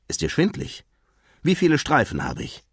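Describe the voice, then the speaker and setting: Man playing a fussy, worried clownfish dad for a storybook, low and close. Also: huge pitch swings, slow pace, breathy edge, no echo, full character voice. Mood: fretful. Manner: worried, fretful. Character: anxious father clownfish, fussy and overprotective. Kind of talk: storybook reading.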